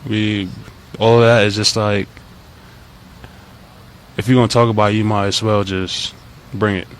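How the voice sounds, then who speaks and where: A young man in his twenties, a college football player answering media questions in a halting, soft-spoken way with many fillers. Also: lowish voice, flat delivery. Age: 20s. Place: press availability.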